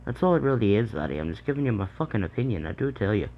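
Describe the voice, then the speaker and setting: A man's voice: on the low side, very animated, rapid-fire, lo-fi sound, slight background noise. A man putting on a jokey Irish voice, talking in a swaggering, profane way. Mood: mock swagger.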